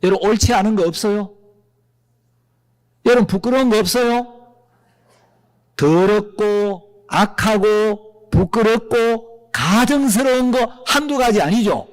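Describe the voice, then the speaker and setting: A man's voice: high-pitched, slow pace, pauses often, big-room sound. A male pastor preaching a sermon, firing rhetorical questions at the congregation.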